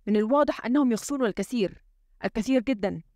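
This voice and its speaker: Lady reading as an edgy bossy president guy, mutters and barks orders, quick. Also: fairly high pitch, warm tone, no echo, studio quality, natural voice. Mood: agitated. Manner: muttering, urgent and commanding. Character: tense, suspicious male head of state.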